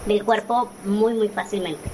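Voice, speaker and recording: A Mexican woman in her forties, an author and speaker, appears as an interview guest and conversationally recounts personal experience in a Mexican Spanish accent. Her medium-pitched voice has fairly even intonation and a slightly slow pace, with noisy ambience clearly audible behind her.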